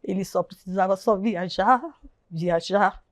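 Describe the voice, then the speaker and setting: A woman, a guest telling a personal story of loss in a halting way, retelling the dialogue and repeating herself. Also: mid-range voice, fairly even intonation, no echo, clean studio sound. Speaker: interview guest. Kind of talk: emotional personal account.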